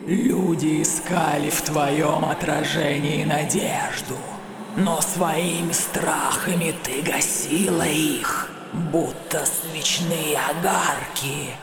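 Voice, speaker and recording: A narrator voicing a monstrous living mass of human flesh in a demonic, inhuman layered voice, chewing slowly on each word, over a horror audiobook. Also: medium pitch, steady tone, heavy background noise. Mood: menacing. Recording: loud music underneath. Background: loud music.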